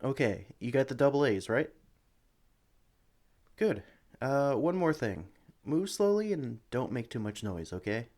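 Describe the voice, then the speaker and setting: Medium-pitched and very animated, this male voice actor speaks unhurriedly with long pauses, playing a kind, seasoned Pokemon sanctuary worker guiding a newcomer. The ASMR roleplay is a one-sided acted conversation, upbeat and encouraging, full of gentle chatter and cooing at the creatures.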